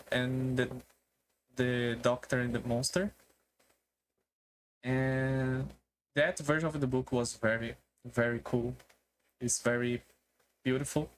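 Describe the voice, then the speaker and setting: A streamer talking casually in a halting way, with non-native English phrasing, on a solo stream. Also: mid-range voice, a little hiss or hum. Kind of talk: casual solo debut stream talk about favourite books and music.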